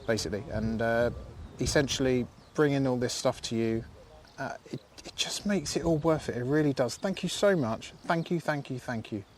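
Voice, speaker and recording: A man's voice: mid-range voice, a little mellow, slight background noise. A man hosting a casual live stream from a field, chatty and thankful, rambling with fillers. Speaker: livestream host. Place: outdoors in a field.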